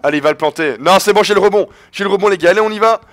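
A man giving excited live commentary over a basketball video game as the host of his channel, his voice worn from shouting, breaking into triumphant yells. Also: high-pitched, rapid-fire.

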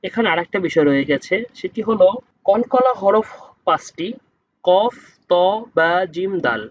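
A man with a high voice gives a patient spelling lesson in Quran reading. He breaks each word into letters and vowel marks, then draws out the full word slowly. The sound is close and dry, with dull, slightly lo-fi quality. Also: expressive, no room sound.

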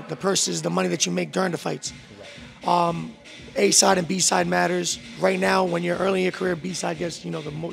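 Young man with a gravelly voice. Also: high voice. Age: 20s. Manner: relaxed, street slang, many "bro" and "um". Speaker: professional boxer, guest. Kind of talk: casual interview answers. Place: boxing gym beside a ring, indoors. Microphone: handheld mic.

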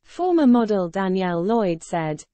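A woman narrating a celebrity news story in an even, scripted read. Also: medium pitch, measured pace, no room sound.

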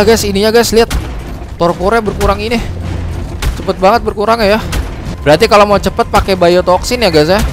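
A young man with a slightly high voice gives relaxed, chatty gameplay commentary, talking straight to his viewers. He rambles, apologizes quickly when he slips, and keeps the tone light. Background music plays clearly under his voice. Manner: chatty, says guys constantly, quick apologies and laughs at his own slips. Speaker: gaming channel host. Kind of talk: casual gameplay tutorial commentary.

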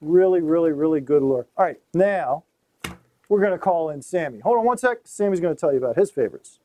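A man's voice: a little high, expressive, a little fast, warm tone, no echo. A middle-aged man hosting a fishing gear demonstration in a small tackle shop, talking in an upbeat, emphatic way. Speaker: host.

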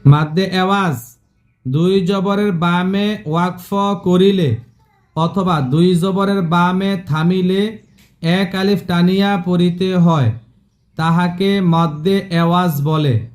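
A man leads a live online Quran lesson in a fairly high voice. He speaks slowly and repeats each rule, and he stops often to quiz his students. It sounds like a patient classroom drill. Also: fairly even intonation. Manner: slow, repetitive drilling with questions to students. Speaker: Quran recitation teacher.

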